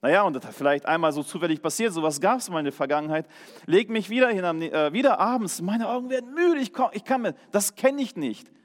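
A man with a high voice delivers an earnest, emphatic sermon built around a personal testimony. He keeps drawing in his listeners with short questions as he goes. His voice carries a long, ringing reverb from a church hall. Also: animated, fast. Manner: checks in with listeners with a frequent "Ja?". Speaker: preacher.

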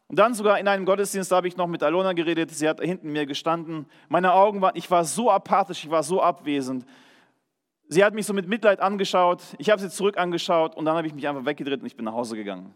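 High-voiced man preaching in a reverberant hall. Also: a bit bright. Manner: checks in with listeners with a frequent "Ja?". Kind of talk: sermon with personal testimony.

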